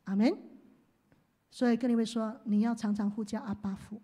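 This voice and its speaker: Woman pastor, high voice, sermon that swings from hushed to loud. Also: steady tone, normal speed. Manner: leads the congregation in call-and-response, swings from hushed to loud.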